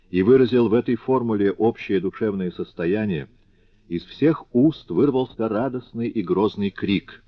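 A man narrating a classic novel audiobook in a measured, dramatic reading, in a dull, lo-fi recording. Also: lowish voice, breathy edge, no room sound.

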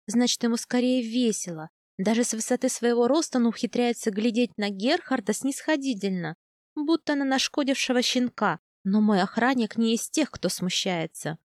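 Woman, audiobook narrator, first person, higher voice, dry close mic. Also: a little mellow, no echo.

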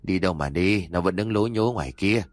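A man voicing a sharp-tongued old widow. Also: low-pitched, animated, brisk, no echo, clean studio sound. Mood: scolding. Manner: curt, scolding.

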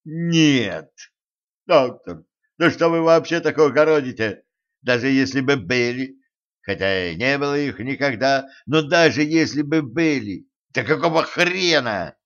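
A man voicing a panicky, indignant man who shouts and whines in disbelief, in a dull lo-fi recording. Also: medium pitch, animated, unhurried, pitched above the performer's own voice. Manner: shouting, whining, outraged.

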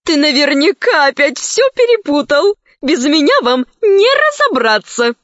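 A woman voicing a bossy, rejuvenated grandmother who scolds loudly and commands. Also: sits high, big pitch swings, a little slow, dry recording, muffled recording, pitched above the performer's own voice. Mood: scolding.

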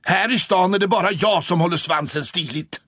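A man's voice: high voice, a bit bright, no room sound, clean studio sound, voice pushed up. A man voicing a proud, grumpy male town cat in an audiobook, speaking in a stern, haughty way. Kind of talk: audiobook character voice.

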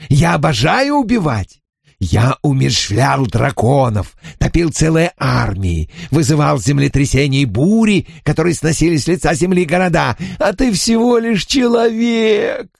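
A man's voice: on the high side, gravelly, breathy edge, dry recording, studio quality, exaggerated voice. A man voicing a haughty, cruel male fairy spirit who boasts and rages theatrically. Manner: theatrical, exulting, shouting in rage.

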